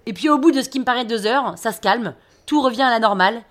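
A woman's voice: fairly high pitch, fast talker. A woman narrating a scripted comic podcast story about herself, wry and self-mocking.

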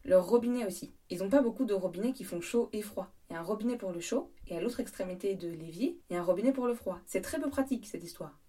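A woman's voice: mid-range voice, fast talker, few pauses, warm tone, breathy edge, far from the mic. A woman from France hosting a solo travel podcast, talking in a chatty, wry way with joking asides. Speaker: podcast host.

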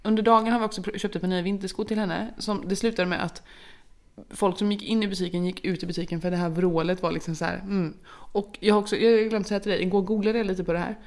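A woman's voice: medium pitch, steady tone. A woman in her thirties, a mother and podcast co-host, chatting casually and acting out quotes as she tells family anecdotes. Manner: chatty storyteller, acts out quotes, laughs often. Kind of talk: casual chat.

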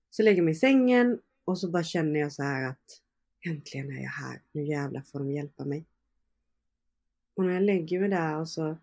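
Low-voiced young woman telling a story. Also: mellow. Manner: casual, recounts events with frequent fillers and quoted dialogue. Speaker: interview guest. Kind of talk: personal storytelling in conversation.

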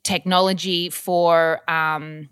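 Woman, Australian accent, young adult, casual interview guest, chatty, filler-heavy, low-ish pitch. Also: level tone, takes it slowly, fairly bright tone, clean tone. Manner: chatty, frequent ums and likes. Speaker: guest, model and influencer.

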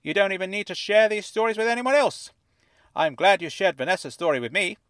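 A man voicing an excitable middle-aged newspaper writer with a fuzzy, wobbly, slightly distorted voice and a gushing way of talking. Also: high voice, brisk, clear, resonant tone, dry recording, clean studio sound, pitched above the performer's own voice. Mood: earnest. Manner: effusive, gushing, rambles when excited.

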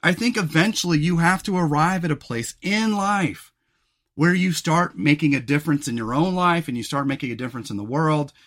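A man hosting his own podcast, thinking out loud in a loose, meandering monologue. His voice is bright and fairly high for a man, a little strained as he loses it, with frequent throat clearing. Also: expressive, brisk. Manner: rambling and reflective, many fillers and restarts. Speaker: podcast host.

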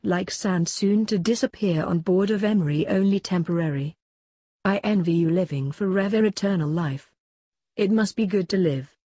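Eine Frau, die eine sterbende, verängstigte Geisterfrau spricht und in Reimen rezitiert. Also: female voice, lowish voice, normal speed, mellow, no echo, lightly acted. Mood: mournful. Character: frightened dying woman ghost.

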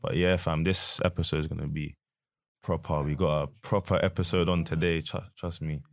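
A male podcast host with a deep voice and a London accent. He chats casually in a roadman manner, full of street slang. The sound is dry and close. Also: little pitch movement, fairly quick, creaky, no echo. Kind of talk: casual chat.

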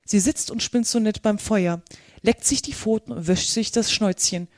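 A woman reading a storybook and voicing a curious, polite little girl in a raised, girlish pitch. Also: normal speed, darkish tone, no room sound, studio quality, close to an everyday voice. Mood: chatty.

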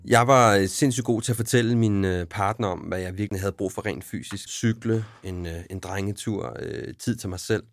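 Low-voiced male podcast host. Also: few pauses, faint music behind. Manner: personal, probing, brief affirmations. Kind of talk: reflective interview questions.

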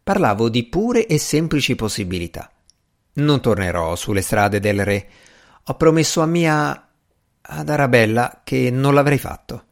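A man's voice: medium pitch, big pitch swings, a little slow, vocal fry, voice pushed up. A man reading the part of an ambitious, impatient young male magician in an audiobook, earnest and easily irritated.

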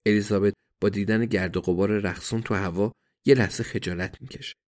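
A man narrating an audiobook in a measured, even reading. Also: lowish voice.

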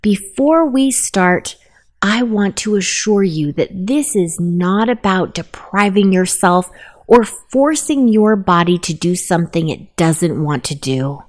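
A woman narrating a guided meditation, giving gentle, unhurried instructions. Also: mid-range voice, animated.

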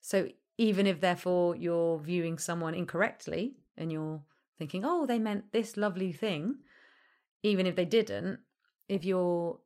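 Rambling, self-deprecating woman with a lowish voice. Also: darkish tone. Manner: hesitant, self-deprecating, trailing off and circling back. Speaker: content creator. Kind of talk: rambling casual monologue.

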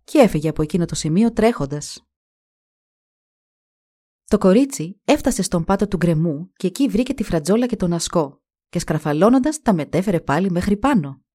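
A woman's voice: lowish voice, lively intonation, mellow. A woman narrating a folk fairy tale expressively, giving each character a voice of her own. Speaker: storyteller.

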